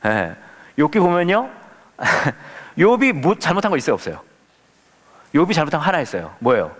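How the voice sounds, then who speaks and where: A man's voice: fairly high pitch, sing-song, moderate pace, fairly bright tone, long reverb tail. A man who is a pastor, leading a casual Bible study, playful and full of questions for the audience. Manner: playful, asks the audience many questions, acts out quotes with humor.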